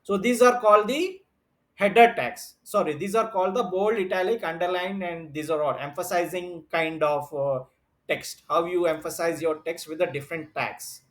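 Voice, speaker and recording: High-voiced teacher walking through a lesson. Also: male voice, moderate pace, a bit bright. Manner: explains step by step, repeats himself, many fillers. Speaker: computer teacher. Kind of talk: online class lecture.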